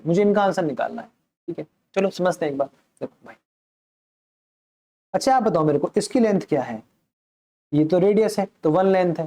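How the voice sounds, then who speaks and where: A man's voice: on the high side, mellow. A man teaching a maths lesson, patiently asking questions aloud and answering them himself, politely addressing his listeners throughout. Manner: patient, repeats key points. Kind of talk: explanatory classroom lesson.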